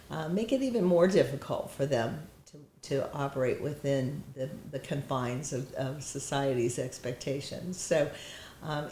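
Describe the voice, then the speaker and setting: A woman's voice: low voice, a little mellow, slight background noise. A woman on a mental health program's staff speaking earnestly and measuredly in an interview. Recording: echoey room.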